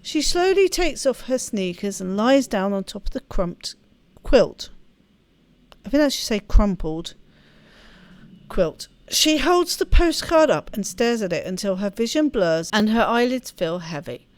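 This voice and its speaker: Very animated but a little slow, a medium-pitched woman runs a gaming video, mixing casual let's play chatter with expressive reading of the story text. There's no room sound in the recording.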